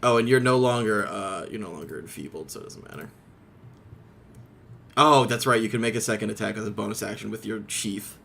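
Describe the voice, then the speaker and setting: A man running a tabletop game as game master, excitable, laughing often and swearing freely. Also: fairly low pitch, fairly quick, vocal fry.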